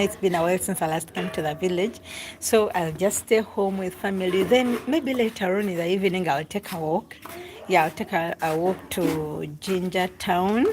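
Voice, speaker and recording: A woman's voice: on the low side, background noise. A woman from Uganda chatting casually to viewers during a live stream from her family home, laughing often and calling out to relatives. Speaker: vlogger doing a live stream.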